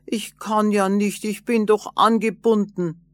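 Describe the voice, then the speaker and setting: A woman voicing a meek, sorrowful little forest woman who speaks softly in a fairy tale. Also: medium pitch, fairly even intonation, unhurried, no echo, studio quality, pitched above the performer's own voice, natural voice. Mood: pleading.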